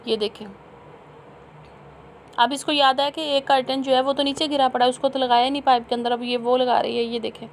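A woman's voice: sits high, level tone, fairly quick, slight background noise. A woman in her thirties from Pakistan, a mother narrating a family vlog in a chatty voice-over, amused and teasing, often breaking into laughter.

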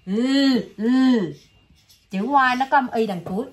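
Southern Vietnamese woman, English tutor, a bit high-pitched, patient drilling style. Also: a bit bright. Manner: patient, drills words slowly and repeatedly. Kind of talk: one-on-one vocabulary lesson.

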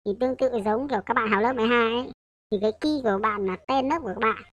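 Fairly high-pitched and rapid-fire, this woman runs a casual programming tutorial in a loose, hesitant way. She keeps fixing her own wording and asking whether listeners are following.

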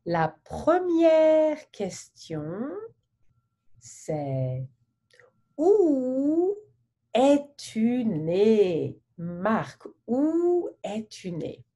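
A middle-aged woman uses slow, theatrical, teacher-style speech to interview a colleague over a webcam video call, asking simple questions in easy French for learners. Her warm, fairly high voice swings widely in pitch, and she gestures broadly. She sits indoors in a home office with a virtual background.

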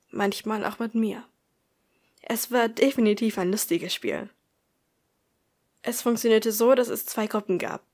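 A woman reading a first-person story aloud as an audiobook, in a soft, quiet storytelling manner. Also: medium pitch. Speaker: audiobook reader.

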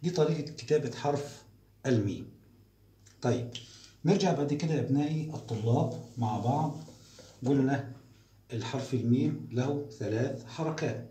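A man, teaching the alphabet to first graders in a slow, repetitive drilling style. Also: medium pitch, dark tone, a little hiss or hum. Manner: slow, drawn-out syllables and repeated drills. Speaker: primary school teacher. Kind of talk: recorded classroom lesson for young children. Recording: echoey room, voice off-mic.

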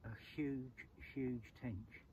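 A middle-aged man who vlogs about angling talks casually to camera at a lakeside, during the night and at dawn, repeating short phrases. His medium-pitched voice is steady and a little mellow, and he speaks extremely slowly. The clip-on lapel mic gives a lo-fi outdoor recording with clear background noise.

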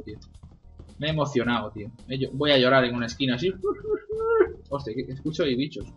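A man doing let's-play commentary at home, excitable, swearing and shouting at enemies. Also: on the high side. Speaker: gamer.

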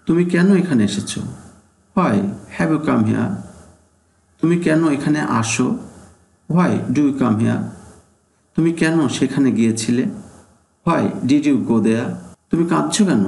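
A man teaching English, slowly reading practice sentences aloud, each one deliberate. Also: mid-range voice, creaky, a little mellow. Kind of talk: reading phrase drills aloud. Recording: echoey room.

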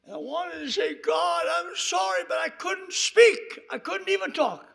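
A man's voice: extremely high pitch, measured pace, vocal fry, fairly bright tone, pitched above the performer's own voice, heavily acted. A man quoting a newly converted woman who tells her story earnestly and emotionally.

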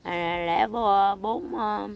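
Older Mekong Delta woman with a gravelly voice. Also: medium pitch, steady tone, slight background noise. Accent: Mekong Delta Vietnamese. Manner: halting, many fillers, quotes others in her own voice. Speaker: interviewee. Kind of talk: emotional recounting.

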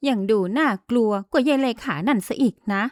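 A woman's voice: sits high, fairly quick, darkish tone, smooth, no room sound, studio quality, pitched above the performer's own voice, lightly acted. Woman reading as a haughty scolding rich mother. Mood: spiteful. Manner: scornful, scolding.

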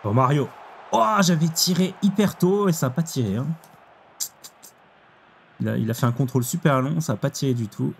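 A young man commenting on his own football video game match, excitable, exclaiming and groaning at each play. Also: mid-range voice, normal speed, creaky, pauses often, slight background noise. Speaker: gaming YouTuber. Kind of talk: live gameplay commentary.

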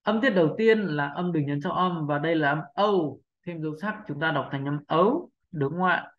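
A man giving a patient pronunciation lesson, repeating sounds slowly and asking rhetorical questions. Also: on the high side, lo-fi sound. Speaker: English pronunciation teacher. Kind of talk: video lesson.

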